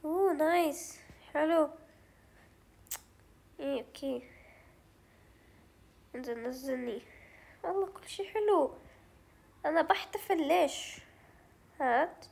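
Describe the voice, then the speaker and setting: A woman's voice: high-pitched, slow, creaky, long pauses, darkish tone. A young woman with a Levantine Arabic accent, chatting through a game as she plays, thinking aloud and mixing in English words. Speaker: gaming channel host. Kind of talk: let's play commentary.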